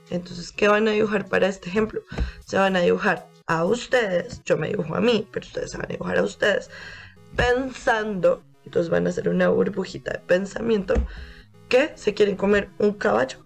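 Woman teaching small children, slightly gravelly. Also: mid-range voice. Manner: patient, explains step by step to small children. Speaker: primary school teacher. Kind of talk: online video class for young children.

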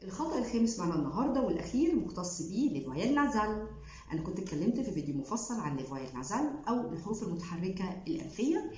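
A woman with an Egyptian Arabic accent teaches French pronunciation, explaining each rule step by step and drawing out example words slowly. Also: lowish voice, a little mellow, a little hiss or hum. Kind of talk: online language lesson. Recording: echoey room, dull lo-fi sound.

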